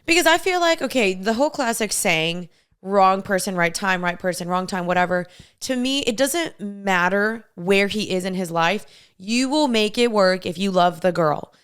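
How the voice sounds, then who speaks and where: Clear-voiced American woman giving confident, blunt advice. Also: mid-range voice, animated, normal speed, fairly bright tone. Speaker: co-host giving dating advice. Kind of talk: casual advice chat.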